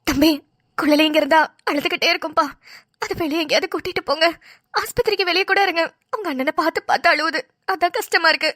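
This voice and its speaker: A woman's voice: very high-pitched, fast talker, sharp tone, no echo, clean studio sound. A woman voicing a desperate tearful wife. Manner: pleading, tearful. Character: frightened young wife, desperate and pleading.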